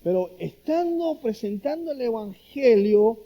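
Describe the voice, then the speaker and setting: This middle-aged Cuban pastor has an extremely high-pitched voice and a measured pace. His sermon is full of animated storytelling, and he raises his voice to act out the lines he quotes.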